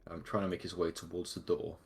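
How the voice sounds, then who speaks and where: A man's voice: deep voice, little pitch movement, fast, a little mellow, slightly rough. A man playing a tabletop role-playing game, chatting casually and narrating his character in a rambling, informal, sweary way.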